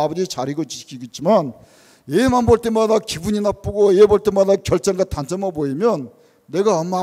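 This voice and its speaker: Church elder guy preaching, pretty high voice, keeps firing rhetorical questions, long echo in the hall. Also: dark tone. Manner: earnest, rhetorical questions, acts out parents' words. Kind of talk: sermon. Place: church sanctuary.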